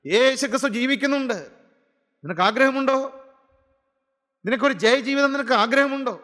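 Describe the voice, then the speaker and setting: Man preaching hard, lots of repeated questions, really high sharp voice, echoing hall. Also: normal speed. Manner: impassioned, piling up rhetorical questions and repeated phrases. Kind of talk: gospel sermon.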